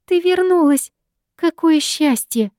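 A woman voicing a flustered young woman, a meek, chattering younger sister who squeaks her words. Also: animated, moderate pace, mellow, no echo, clean studio sound, natural voice. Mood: overjoyed.

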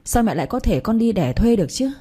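A woman's voice: a little high, very animated, quick pace, warm tone, breathy edge, voice pushed up. A woman reading a story aloud and voicing a worn-out young woman who is bitter and despairing. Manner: bitter, exasperated.

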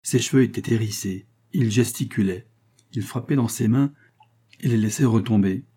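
A man narrating an audiobook in scripted narration, with a steady, even storytelling delivery. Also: fairly low pitch, moderate pace, breathy edge.

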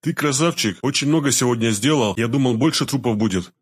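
A man's voice: medium pitch, brisk, slightly rough, natural voice. A man voicing a stern, terse security man. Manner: terse, hard-edged.

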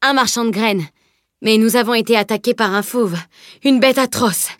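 A woman reading a cheeky, boastful teenage boy in an audiobook, with lively, playful delivery. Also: on the high side, normal speed, dry recording, studio quality, voice pushed up, close to an everyday voice. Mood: calm.

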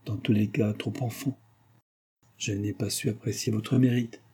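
A man reading the lines of a remorseful young wife who pleads softly with her husband. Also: on the low side, steady tone, unhurried, husky, full character voice. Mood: pleading.

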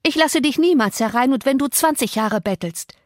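A woman reader voicing a polite young gentleman guest, frightened and agitated. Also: mid-range voice, moderate pace, dry recording, studio quality, natural voice. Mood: frantic.

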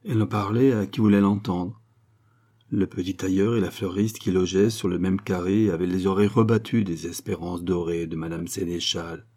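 A man narrating a classic novel as an audiobook, reading in a measured, even way. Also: deep voice. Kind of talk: scripted literary narration.

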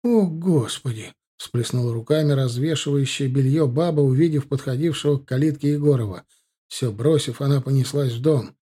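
A man narrating a historical audiobook in a measured, expressive way. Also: medium pitch, husky. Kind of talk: scripted narration.

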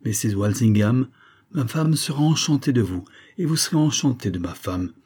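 A man reading aloud voices an effusive, flattering middle-aged army major with a theatrical, gushing manner. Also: mid-range voice, moderate pace, husky. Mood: reproachful.

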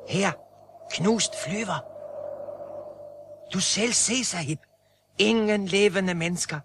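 An actor playing a loyal, cautious mountain guide who speaks in broken, halting sentences, in a radio play. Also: male voice, sits high. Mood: worried. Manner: broken halting speech, urgent warnings. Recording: noisy old radio-play recording.

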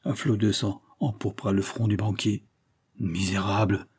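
A man narrating an audiobook of a classic novel in a measured, steady manner. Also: lowish voice, husky. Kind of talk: reading a classic novel aloud.

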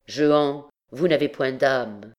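A woman's voice: a bass voice, takes it slowly, darkish tone. A woman reading a stern old archdeacon. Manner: curt, grave admonishing. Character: stern older male archdeacon, severe and grave. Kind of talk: audiobook reading of a classic novel.

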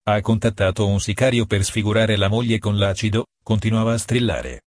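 A man narrating a novel as an audiobook, in a steady reading manner. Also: fairly low pitch, fairly quick, no echo, clean studio sound. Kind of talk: storybook narration.

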